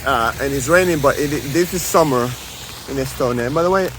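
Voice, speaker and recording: A travel vlogger raised in Venezuela films himself outdoors under an umbrella, holding the camera close and rambling casually with plenty of fillers and restarts. His voice is medium-pitched and fairly quick. Rain falls audibly on the camera mic.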